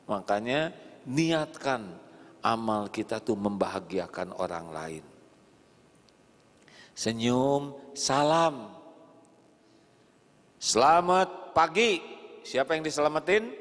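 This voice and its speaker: A man preaching a lively sermon to a live audience, playfully acting out little dialogues with big jumps in pitch. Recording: long hall reverb.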